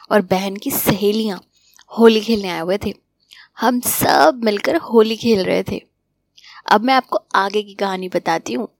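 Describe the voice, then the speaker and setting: Softly narrating woman, dry close sound. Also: medium pitch, vocal fry, no echo. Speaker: storyteller. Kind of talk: adult story narration.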